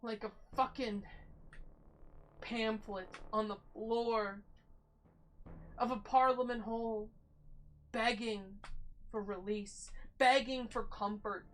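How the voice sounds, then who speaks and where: A young woman, tipsy, giving a theatrical mock-motivational livestream monologue in a drawn-out way, swinging between hushed and loud emphasis. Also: a little high, steady tone, poor audio. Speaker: VTuber streamer. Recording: music behind the voice. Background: background music.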